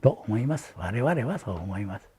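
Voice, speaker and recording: An elderly man with a Hiroshima accent gives oral testimony as a survivor, telling his memories in a halting, reflective way. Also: lowish voice, big pitch swings, a little mellow, slightly rough. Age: elderly, 80s or older. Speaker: atomic bomb survivor giving testimony. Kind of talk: recorded oral testimony, reminiscing.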